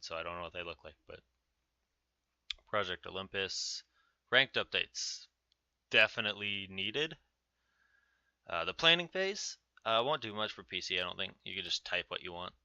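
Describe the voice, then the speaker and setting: A man's voice: low-pitched, creaky, pushed and bright, smooth, dry recording. A man giving informal, offhand commentary on game patch notes as a video host. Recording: dull, narrow-band sound.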